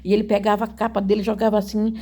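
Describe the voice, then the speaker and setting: A woman's voice: medium pitch, little pitch movement, very fast, dark tone. A woman giving an emotional religious testimony. She talks earnestly, repeats her phrases and keeps turning to her listeners. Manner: earnest, repetitive, addresses listeners as "gente".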